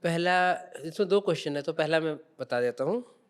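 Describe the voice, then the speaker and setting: A man's voice: fairly high pitch, normal speed, clean tone. A man speaking as a religious guest on a podcast interview, explaining spiritual teachings in an emphatic, preaching way.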